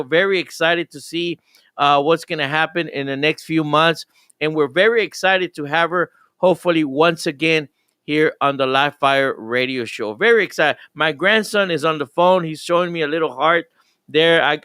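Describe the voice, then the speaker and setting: A man's voice: fairly high pitch, bright, forceful tone, clean tone, no echo, studio quality. An older man, a pastor hosting a live radio show, talking in an enthusiastic, rambling way with frequent restarts.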